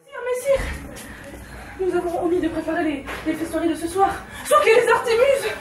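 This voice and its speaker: A woman playing a pompous, excitable medieval noblewoman in an amateur comedy film, proclaiming in mock-archaic theatrical style. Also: very high voice, moderate pace. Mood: flustered. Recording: very echoey, distant mic, music behind.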